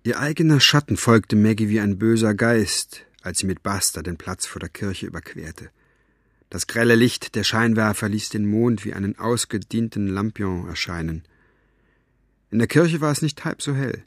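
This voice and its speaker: A man narrating an audiobook in a measured, low-key reading. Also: expressive, no echo, clean studio sound. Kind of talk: scripted narration.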